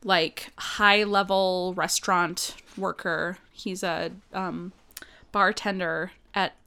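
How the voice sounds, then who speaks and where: A woman's voice: fairly low pitch, steady tone, takes it slowly, pushed and bright, smooth. A woman co-hosting a podcast from a home study, chatting casually with many fillers and frequent laughs. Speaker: podcast co-host. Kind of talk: casual chat.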